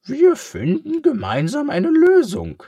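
A squeaky clever storybook pig. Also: male voice, huge pitch swings, slow, creaky, dry recording, heavily acted. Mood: comforting. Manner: high squeaky voice, gently exasperated. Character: clever male pig, patient and kind, loves poetry. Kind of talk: storybook reading.

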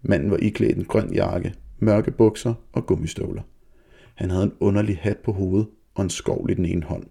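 Male storyteller, dark husky tone, steady suspense. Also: sits low. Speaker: narrator and author. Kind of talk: storybook reading.

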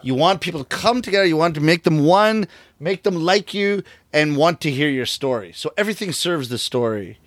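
This is a middle-aged rakugo performer in a relaxed interview, his fairly high voice moving fairly quickly in clean studio sound with no echo. He's an animated storyteller who performs the quoted voices of his characters.

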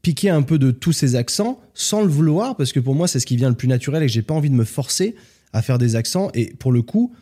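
A young man from France hosting a podcast, chatting in a relaxed, talkative way and switching between French and English. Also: mid-range voice, quick pace. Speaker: podcast host. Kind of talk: casual podcast chat.

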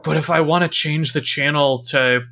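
A man's voice: a little high, fairly even intonation, normal speed, gravelly, sharp tone. A man talking casually and analytically about a video game as a podcast co-host.

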